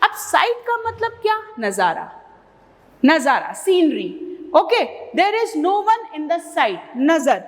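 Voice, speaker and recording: An Indian English woman teaches a bilingual vocabulary lesson in a high, bouncing voice. She stresses each word slowly and carefully, then hurries through quick asides. A long reverb trails her voice, as in a large room. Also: sing-song.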